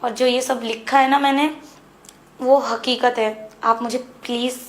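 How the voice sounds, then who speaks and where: A woman playing a frustrated young married woman who pleads with her brother-in-law, insistent and hushed. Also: a little high, steady tone, measured pace, close to an everyday voice. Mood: pleading. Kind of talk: Hindi web series dialogue. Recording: echoey room.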